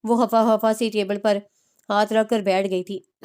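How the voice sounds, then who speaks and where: Smooth-voiced woman reading a romance novel. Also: medium pitch, flat delivery, a little slow, darkish tone. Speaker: narrator. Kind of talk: audiobook novel narration.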